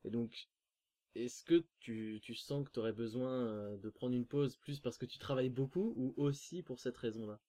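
A man's voice: medium pitch, moderate pace, warm tone. A man interviewing a guest, asking long rambling questions and searching for his words.

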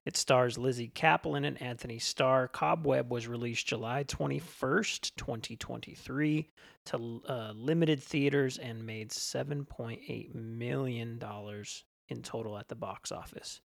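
Guy doing a casual movie podcast, kinda gravelly, really dry room. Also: medium pitch, a little slow, dry recording. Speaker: podcast co-host. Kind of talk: casual film review chat.

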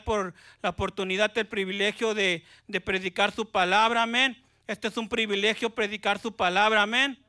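Man, preacher, high pitched, flat even delivery, church sermon, hallelujah refrains. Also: clean tone. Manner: punctuates phrases with repeated hallelujahs, shouting; jokes with the congregation, asks them to repeat lines. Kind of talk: Pentecostal sermon with call-and-response. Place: church sanctuary.

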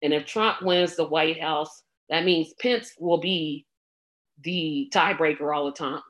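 A woman with a scratchy throat commenting on an election in a casual, blunt way. She speaks very slowly, with a somewhat low voice. She sounds exasperated and leans on filler ums between thoughts. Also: a bit bright. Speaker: political commentator.

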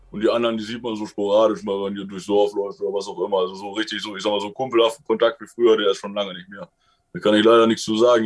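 Rambling, colloquial man telling stories. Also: lowish voice. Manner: rambling and colloquial, often ends with a questioning tag. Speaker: guest telling his experiences. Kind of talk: casual storytelling.

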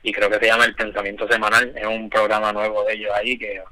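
A man's voice: fairly low pitch, completely flat delivery, quick pace, sharp tone, no echo, low-quality recording. Laid-back man, dry sound. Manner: laid-back, loose slang, many fillers. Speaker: podcast co-host. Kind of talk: casual chat.

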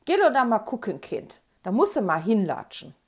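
A woman's voice: a little high, big pitch swings, moderate pace, slightly rough. A woman doing a brusque old Ruhr aunt. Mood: offhand. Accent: Ruhr German. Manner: offhand, dialect-heavy. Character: older aunt in the neighbourhood, brusque, chatty.

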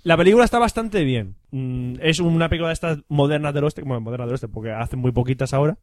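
A man hosting a casual film chat, rambling and joking, acting out scenes from the films in quick voices. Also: a little high, no room sound. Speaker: podcast host.

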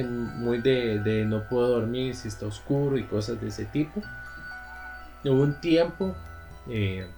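A man with a Costa Rican Spanish accent talks in a relaxed, chatty way and pauses on fillers as he tells his story. His pitch sits in the middle of the usual range. Faint music plays softly behind him. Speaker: podcast co-host. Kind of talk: casual chat.

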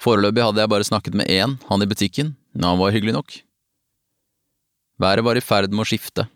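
A man narrating a novel in the first person, calm and even, as an audiobook. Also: lowish voice, no echo, clean studio sound.

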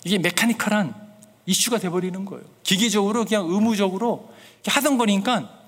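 Earnest pastor preaching in an echoing hall. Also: male voice, high voice, brisk, a bit bright. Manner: earnest, asks the congregation questions. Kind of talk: sermon.

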